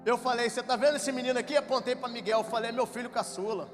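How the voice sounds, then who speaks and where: High-voiced Brazilian pastor preaching. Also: male voice, fairly even intonation, fast. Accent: Brazilian Portuguese. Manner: jokey anecdotes building to shouted preaching. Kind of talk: sermon with storytelling. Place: church hall. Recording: reverberant church hall with music.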